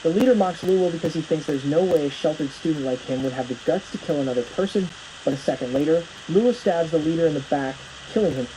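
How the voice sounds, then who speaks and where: A man's voice: fairly high pitch, fast talker, background noise. A man narrating a plot recap from a script, telling the story as it unfolds.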